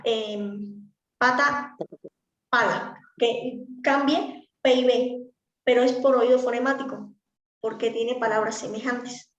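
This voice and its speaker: Echoey woman teaching a class. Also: high-pitched. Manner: practical, explains with examples. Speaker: speech therapy teacher. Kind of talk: online class lecture.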